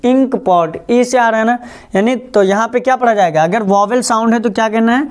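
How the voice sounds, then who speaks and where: A male teacher giving a grammar lesson, asking quick questions and repeating the answers, slowing words down to show how they are said. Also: very high voice, clear, resonant tone. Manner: stretches out words slowly to model pronunciation.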